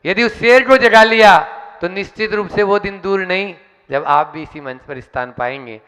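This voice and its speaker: Brief: man, high bright voice, rousing sermon, long hall reverb. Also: normal speed, clean tone. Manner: rousing, declamatory, recites verse. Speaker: monk introducing the main speaker. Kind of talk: devotional sermon. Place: large hall, preaching from a stage.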